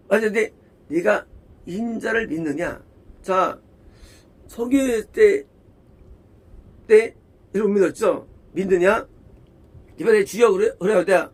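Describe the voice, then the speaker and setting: A man preaching a sermon as pastor, emphatic, repeating phrases and firing rhetorical questions at the congregation. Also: high voice.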